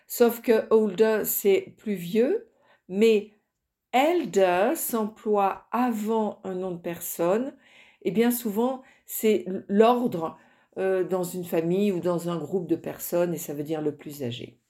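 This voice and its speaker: A woman teaching English grammar in French in a recorded lesson, explaining slowly with frequent hesitations. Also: medium pitch, mellow. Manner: slow, explanatory, with many hesitations.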